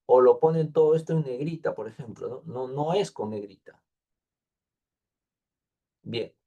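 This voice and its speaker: A man's voice: fairly high pitch, dark tone. A man, a thesis advisor taking students patiently through formatting details, repeating points and thinking aloud. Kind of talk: online class instruction.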